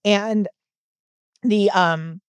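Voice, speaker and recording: A middle-aged woman, a guest in a casual interview, telling stories in an animated way and laughing between points. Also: mid-range voice, drawn-out words, clear, resonant tone, dry recording. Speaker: guest, business coach.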